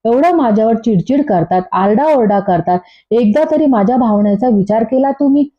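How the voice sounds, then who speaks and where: A woman's voice: fairly high pitch, animated, normal speed. A woman voicing a young wife who argues back with indignant, sarcastic retorts. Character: bickering young wife defending herself. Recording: dull lo-fi recording.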